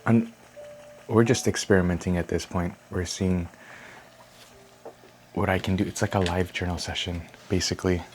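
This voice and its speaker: Soft-spoken deep-voiced young man. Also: steady tone, moderate pace, pauses often, soft background music. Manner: rambling, soft-spoken, thinks aloud. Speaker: ASMR creator. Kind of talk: soft casual ASMR chat. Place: at home. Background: construction and room ambience.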